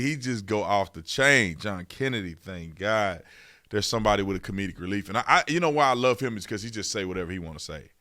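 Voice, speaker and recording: A man's voice: mid-range voice, pushed and bright, no echo, clean studio sound. A man hosting a radio talk show, giving casual political commentary in informal, folksy phrasing with emphatic repetition.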